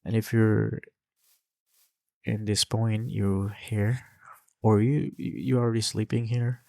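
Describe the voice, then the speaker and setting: A young gaming channel host with an Indonesian accent rambles loosely while playing, full of fillers and restarts. His voice is lowish and darkish with vocal fry, flat and slow. The recording is clean studio sound with no room sound.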